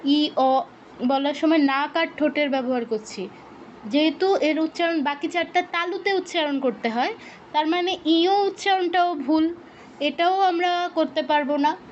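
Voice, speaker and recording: A woman teaching Sanskrit pronunciation in an online lesson, patiently asking questions, answering them herself and repeating sound drills slowly. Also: high-pitched, dull audio, slight background noise.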